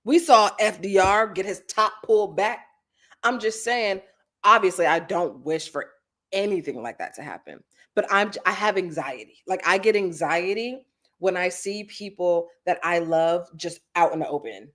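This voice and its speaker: Woman, host of a live chat stream, lively storyteller, slightly low voice. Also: moderate pace. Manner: animated storytelling, big pitch swings. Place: Los Angeles.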